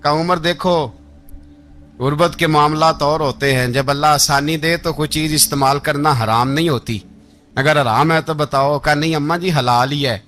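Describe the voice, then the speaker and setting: A man preaching a religious sermon in a Pakistani Urdu accent, telling a story dramatically and acting out its speakers, rising to shouted rebukes. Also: a little high, normal speed, soft background music.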